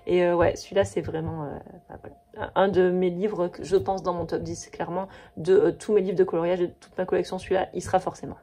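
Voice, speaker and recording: A woman's voice: on the low side, level tone, quick pace, warm tone. A woman in her thirties chatting casually on her video channel, gushing about favorites with plenty of fillers and restarts. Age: 30s. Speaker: coloring book vlogger. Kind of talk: casual chat.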